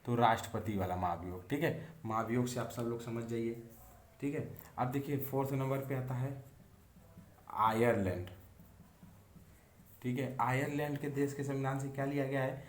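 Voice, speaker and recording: A man's voice: mid-range voice, steady tone, normal speed, long pauses. A man teaching civics for competitive exams. He drills each key term over and over and keeps quizzing with rhetorical questions. He is recorded in an echoey room with a faint hum behind him. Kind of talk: exam-prep civics lesson.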